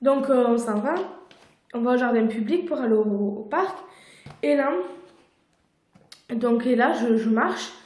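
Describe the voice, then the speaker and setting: Young woman, storytime vlog, somewhat high voice, chatty and rambling, echoey room, phone camera. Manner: chatty, many fillers and restarts. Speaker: vlogger.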